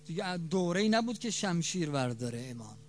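Preaching at a mourning service, a man with a slightly high, sing-song voice swells and softens, stretching important words slowly. A little background noise is audible.

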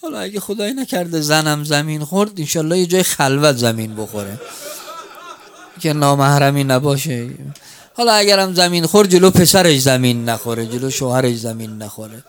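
Preacher, swinging loud to hushed. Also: male voice, a little high. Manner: swings between loud cries and hushed near-whispers, tearful chant. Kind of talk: mourning sermon.

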